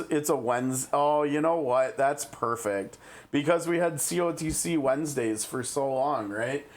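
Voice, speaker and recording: A man with a Midwestern American accent hosts a casual live game stream. He talks in a chatty way at a middle pitch, thinking aloud as he goes. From Midwestern United States.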